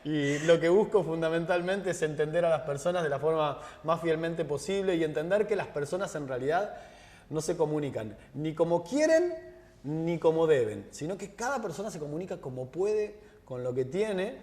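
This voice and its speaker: A man's voice: a little high, moderate pace. A man with a Rioplatense Spanish accent, a guest in a conversational interview, telling stories and acting out the dialogue. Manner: animated storyteller, acts out dialogue. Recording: long reverb.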